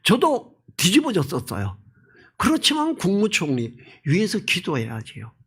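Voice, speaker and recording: A male pastor giving an expository sermon in a lively, conversational way, mixing in stories from his own life. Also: high-pitched, normal speed, husky. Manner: animated, personal storytelling; colloquial, conversational preaching.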